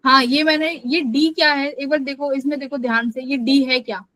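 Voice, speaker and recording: A woman's voice: high-pitched, steady tone, a little fast, bright, forceful tone, dry recording, rough recording. A young adult woman teaching physics in a live online class, explaining patiently and often checking that the students follow.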